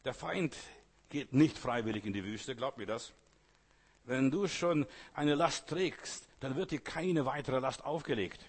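A man's voice: mid-range voice, measured pace, slightly rough. A man preaching a sermon, speaking earnestly in short repeated phrases and addressing the listener directly.

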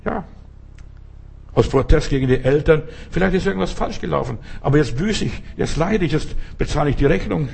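A man's voice: a little high, expressive, fairly quick, creaky, a little mellow, slightly rough. A man preaching a sermon in a storytelling way, talking straight to his listeners and often asking whether they follow. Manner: storytelling, addresses listeners directly, frequent rhetorical questions.

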